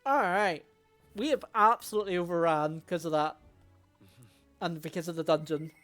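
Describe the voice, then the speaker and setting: A woman's voice: on the low side, normal speed, a bit bright, faint music behind. Chatty woman streamer. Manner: chatty, rambling, easygoing. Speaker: game streamer. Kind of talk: casual stream chat.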